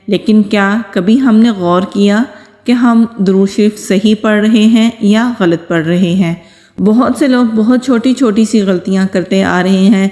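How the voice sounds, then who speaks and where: A woman giving a recitation lesson, patiently explaining pronunciation rules step by step and reciting words slowly. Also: mid-range voice, darkish tone, big-room sound. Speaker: Quran recitation teacher.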